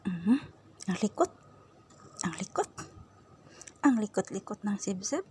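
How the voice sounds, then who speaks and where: A woman's voice: mid-range voice, animated, a little slow, a little mellow, a little hiss or hum. A woman talking doting baby talk to her cat at home, mixing Tagalog and English. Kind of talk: casual baby talk to a pet. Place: outdoors at home after sweeping.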